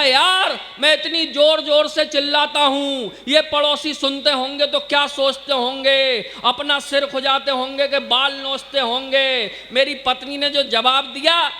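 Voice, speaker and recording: Male comic poet from India, very high and sharp tone, chatty crowd banter. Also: in a large hall. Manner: joking, addresses audience directly, sings verses. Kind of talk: comic poetry recital on stage.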